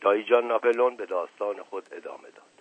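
A man narrates a story in a measured, even reading tone. The recording is dry and thin, with a phone-like tinny sound. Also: on the low side, no room sound. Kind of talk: scripted audiobook narration.

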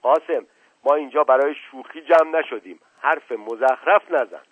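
A man's voice: mid-range voice, slightly rough, dry recording, pitched above the performer's own voice, natural voice. A male narrator voicing an irritable older retired colonel who scolds sharply, on a tinny lo-fi radio recording. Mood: angry.

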